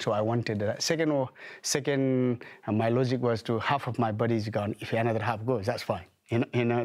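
A man from Nepal with a Nepali accent, a guest in a TV news studio, speaking hesitantly with many fillers and restarts. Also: mid-range voice. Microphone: lapel mic.

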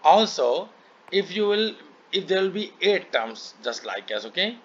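A man with an Indian accent, whose first language is Hindi, tutors maths one-to-one, explaining step by step, repeating himself and often checking that the student understands. His voice is high-pitched and slightly rough, with big pitch swings and an unhurried pace. It comes through an online call microphone, and the recording is muffled and noisy.

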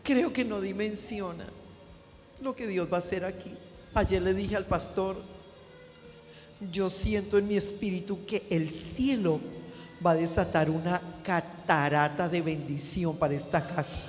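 A woman's voice: fairly low pitch, a little slow, long reverb tail, soft background music. A woman pastor preaching a sermon in a church, driving her points home with emphatic repetition.

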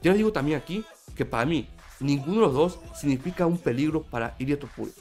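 Man, MMA commentator, bit high voice, sore throat, emphatic, talks straight to viewers, faint music behind. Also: animated, fast, a little mellow. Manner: emphatic, repetitive, addresses viewers directly. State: sore throat, slightly feverish. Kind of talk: opinion video commentary.

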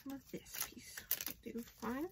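A woman playing an eccentric Mad Hatter in a soft-spoken, part-whispered ASMR roleplay, musing haltingly to herself. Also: high voice, fairly even intonation. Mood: absorbed, musing. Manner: halting, musing aloud to oneself. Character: eccentric, muttering Mad Hatter crafting birthday cards. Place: at a craft table indoors. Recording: noisy, pre-microphone home recording.

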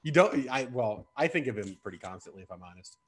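A man's voice: on the low side, expressive, fast. A man hosting a camp live stream in a playful, chatty, joking way. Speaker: camp staff host. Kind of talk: casual live-stream chat.

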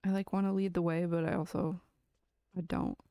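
Young woman streamer, casual rambling chat, low voice, dry close sound. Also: little pitch movement, fairly quick, mellow, no echo. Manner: rambling, lots of likes and laughs.

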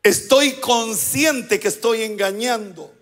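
A pastor delivering a sermon, prompting the congregation to repeat phrases back to him. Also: male voice, very high-pitched, slow, fairly bright tone, long reverb tail. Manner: preaching with call-and-response prompts to the congregation.

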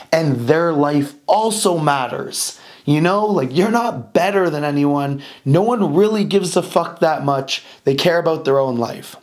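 Here a young man vlogs about fitness, addressing the camera casually. His voice leans high, and his blunt delivery is packed with curse words and filler.

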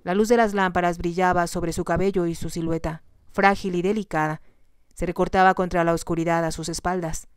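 Smooth-voiced woman softly reading a novel. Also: fairly low pitch, steady tone, a little fast, no echo, clean studio sound. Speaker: storyteller. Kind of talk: soft ASMR novel reading.

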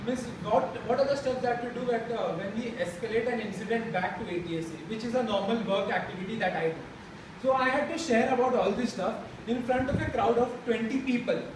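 Talking briskly in a very high voice, this young adult from India stammers and restarts words while sharing a personal speech with a support group. The setting is a classroom with a chalkboard, recorded from afar by a camera, leaving an echoey sound with background noise.

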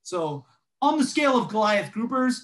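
Young male co-host, slightly high voice, easygoing storyteller with plenty of ums, heard over a video call. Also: moderate pace. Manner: relaxed storytelling with frequent fillers. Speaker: podcast co-host. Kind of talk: casual chat.

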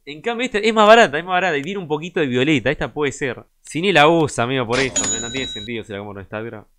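Speaking directly to his chat, a young man streams a game and comments on it in an excitable, casual way. He has a Rioplatense Spanish accent and a voice on the high side.

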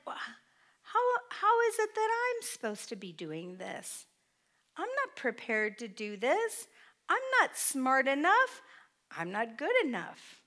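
A middle-aged woman pastor giving a heartfelt sermon in a church hall, picked up by a distant microphone. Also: on the high side. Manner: heartfelt, tearful at times, with soft laughs. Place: church hall with a small stage.

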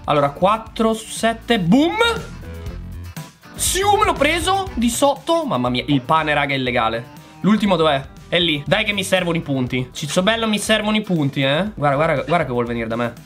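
A slightly hoarse man doing fast-moving gameplay commentary, his pitch jumping up and down as he exclaims and chats straight at his viewers. Faint game music plays softly behind him. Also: animated. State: voice going hoarse. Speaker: gaming channel host.

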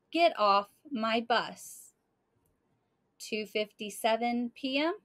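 A woman reading a children's book aloud to listeners in an expressive, deliberate way. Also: on the high side. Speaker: storyteller.

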